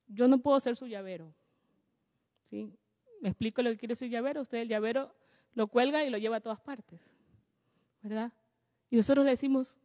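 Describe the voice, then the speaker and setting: Woman preaching to a crowd, high voice, keeps asking "right?", echoey hall, kinda muffled. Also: warm tone. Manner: keeps checking in with the audience with rhetorical questions. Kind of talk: sermon-style talk to an audience. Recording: echoey hall, dull lo-fi sound.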